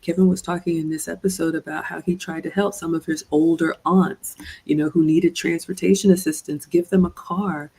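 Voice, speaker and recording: A middle-aged woman from Ghana hosts a livestream as a relationship coach, lecturing her female viewers in an earnest, preachy way. Her voice is dark and gravelly, with a fairly flat, even delivery. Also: on the low side, a little fast, hardly any pauses, low-quality recording. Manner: earnest, preachy, addresses "ladies" directly. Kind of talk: livestream commentary with viewer shout-outs.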